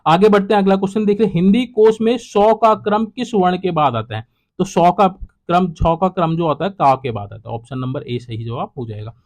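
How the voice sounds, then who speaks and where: A young man teaching exam prep, working through quiz questions one by one and repeating each answer, his voice trailing low at the end of each. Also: darkish tone. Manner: repetitive, drops to a low trailing voice at each close. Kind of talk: solving quiz questions aloud.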